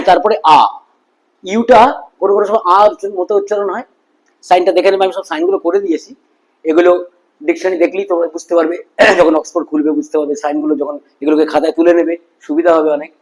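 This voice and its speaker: A middle-aged man with a Bengali accent teaching English pronunciation, repeating words slowly as drills. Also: high-pitched, flat delivery, rough recording. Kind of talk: classroom-style spoken lesson.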